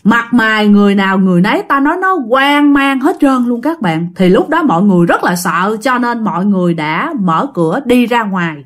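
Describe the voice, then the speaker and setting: A woman's voice: on the high side, animated, a little fast, hardly any pauses. A woman with a Southern Vietnamese accent telling a ghost story to her listeners, imitating knocking sounds as she goes.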